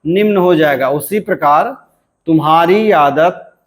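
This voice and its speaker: A man with a fairly high voice explains a grammar lesson at an unhurried, deliberate pace. He keeps asking his own questions and then answering them, repeating key points for his listeners. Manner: clears his throat now and then. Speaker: Hindi grammar teacher. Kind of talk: classroom-style lesson explanation.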